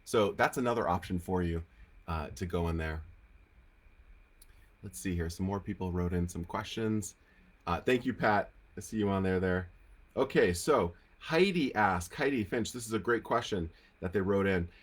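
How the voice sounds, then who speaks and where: A man's voice: low voice, normal speed. A man with a Rhode Island accent and a slightly nasal, congested voice, casually hosting a question-and-answer session in a conversational, encouraging way. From Rhode Island, United States. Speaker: host of a live Q&A. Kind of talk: casual spiritual teaching, answering viewer questions. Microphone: on camera with lighting setup.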